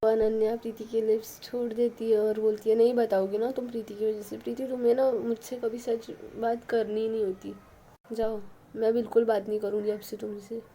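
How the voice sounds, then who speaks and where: A woman's voice: a little high, flat delivery, a little fast, warm tone, a little hiss or hum, poor audio. A woman narrating a love story in a casual style, speaking all the characters' lines herself in her own voice.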